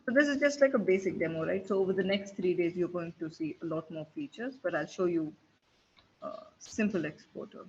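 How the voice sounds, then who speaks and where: A man with a fairly high voice walks through a software demo, thinking aloud as he works. The audio is dull and lo-fi over a computer mic, with a faint hiss underneath. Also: brisk. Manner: thinking aloud while clicking through a tool. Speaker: webinar presenter. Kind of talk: live software demo walkthrough.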